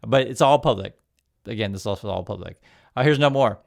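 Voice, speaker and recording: This news vlogger is a man in his fifties, born in Vietnam and raised in the USA, with a gravelly, fairly low-pitched voice and a fast delivery. His commentary is loose and chatty; he reads articles aloud, breaks off to comment, and piles up "uh"s and restarts.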